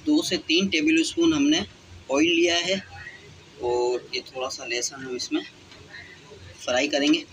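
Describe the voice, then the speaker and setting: A man's voice: fairly high pitch, steady tone, unhurried, long pauses, a bit bright, a little hiss or hum, rough recording. A man hosting a home cooking channel, talking through each step of a recipe in a casual, chatty way with frequent filler phrases.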